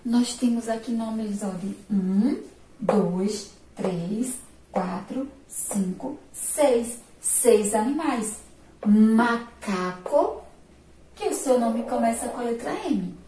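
A woman teacher from Sergipe in Brazil with a Sergipe accent, giving a remote literacy lesson to young children, slow and patient, praising answers and drawing out syllables. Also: fairly high pitch, noisy background. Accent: Sergipe Brazilian Portuguese. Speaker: primary school teacher. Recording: echoey room, voice from a distance.

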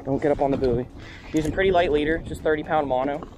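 Talking fast in a somewhat high voice, a young fishing vlogger keeps things upbeat and casual for the action camera mounted on his open flats boat, working the line as he speaks. The recording is rough, full of wind and boat noise from outdoors.

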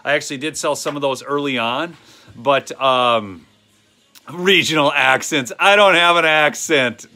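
The host, a man in his thirties from Minnesota by his accent, streams live from a small indoor wooden shed or garage with a phone camera kept close. He speaks unhurriedly in a fairly high, bright and forceful voice, rambling, saying um often and addressing viewers.

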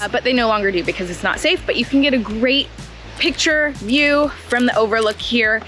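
A woman in her thirties explaining waterfalls in a relaxed, informative way while outdoors. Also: fairly high pitch. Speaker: travel guide co-host. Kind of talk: casual travel vlog. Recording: soft music behind the voice.

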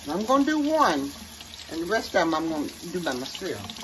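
A woman's voice: low-pitched, very animated, fairly quick. A woman hosting a home cooking show, talking folksy and chatty through each step in her kitchen. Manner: folksy, chatty, says "okay" often. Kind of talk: casual cooking demonstration. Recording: noisy home kitchen recording.

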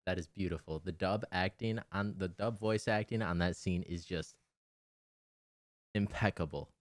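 A man's voice: low-pitched, moderate pace. A young man giving casual reaction commentary as a streamer, close on the mic. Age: young adult. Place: small room at home.

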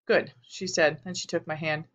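A woman narrating a novel in the first person as an audiobook, with calm, even storytelling. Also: lowish voice, normal speed. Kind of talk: scripted narration.

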